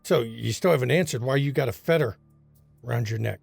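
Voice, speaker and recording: A man voicing the vengeful, blunt ghost of a gunned-down man in a tabletop game, with a raspy, sly, terse delivery. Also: mid-range voice, fairly quick, no echo, faint music behind, voice pushed down. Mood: probing. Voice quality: raspy, gravelly.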